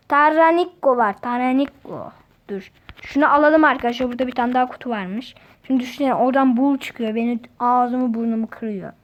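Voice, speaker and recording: Brief: high-pitched woman, excitable mobile game commentary, slangy and repetitive. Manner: excitable, slangy, repeats words in chants. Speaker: gaming channel host.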